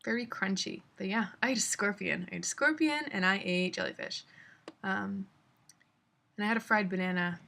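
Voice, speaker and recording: Young woman telling travel stories in a vlog; bright tone, easy filler-heavy chat. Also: medium pitch, normal speed, vocal fry. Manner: chatty, lots of fillers. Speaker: vlogger. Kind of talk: casual travel vlog storytelling.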